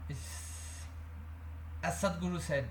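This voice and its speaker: A young man from India addresses the camera in a rambling, confessional vlog, speaking hesitantly with many fillers and restarts. His voice is on the high side, steady and slow. The room echoes and a faint hum sits underneath.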